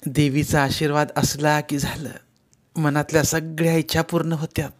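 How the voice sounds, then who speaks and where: Give me a man playing a gentle, shy young village wife with a rural Marathi accent, quiet and higher-pitched. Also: level tone, moderate pace, lightly acted.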